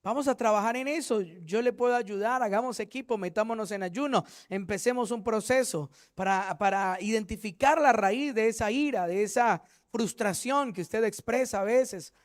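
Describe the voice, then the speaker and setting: Male pastor, very high voice, fervent sermon delivery. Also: moderate pace, hardly any pauses. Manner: fervent preaching, acts out quoted church members. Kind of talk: Bible study sermon.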